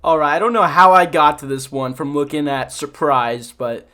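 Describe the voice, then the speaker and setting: A man's voice: a little high, normal speed, sharp tone. Young man reacting with exasperated laughs. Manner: laughs often, swears, sounds exasperated. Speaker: video creator. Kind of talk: reading aloud and reacting, casual commentary.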